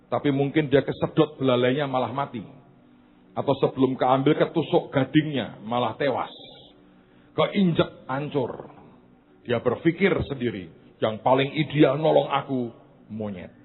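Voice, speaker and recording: A man's voice: medium pitch, a little slow, long pauses. A man preaching a sermon, telling a story playfully with asides to the congregation. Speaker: pastor. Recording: tinny phone-like sound.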